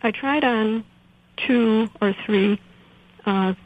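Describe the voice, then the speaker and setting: A woman calling in to a radio show, hesitant and nervous, filling her pauses with ums and uhs. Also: on the high side, no room sound, phone-quality sound. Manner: hesitant, many fillers, nervous. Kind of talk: casual call-in question.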